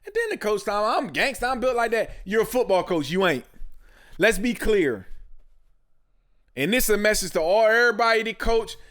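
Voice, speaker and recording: Man, podcast host, blunt emphatic rant, street slang, higher voice, smooth clear tone. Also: very animated, moderate pace, long pauses, fairly bright tone. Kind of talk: casual commentary.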